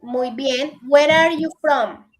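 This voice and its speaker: A high-voiced woman in her thirties teaches an online English class over a video call, speaking slowly through her computer mic. She explains each point step by step and keeps checking her students follow with a repeated "listo."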